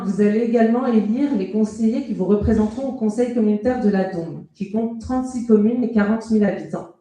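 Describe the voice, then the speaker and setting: This is a local councillor, a woman, making a campaign speech inside a strongly echoing hall during a public meeting. She reads prepared remarks formally and with measured care, her slightly high voice keeping a dark, gentle tone.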